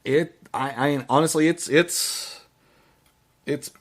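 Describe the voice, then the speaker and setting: Slow, halting man reviewing movies. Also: on the high side, fairly even intonation. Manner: halting, with frequent restarts and trailing phrases. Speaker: podcast host.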